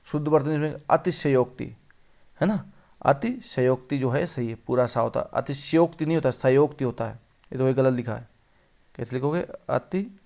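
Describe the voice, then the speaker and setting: Gravelly man drilling spelling answers. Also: medium pitch, moderate pace, darkish tone. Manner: repeats words and quizzes the viewer. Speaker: teacher. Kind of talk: exam-prep lesson on spelling.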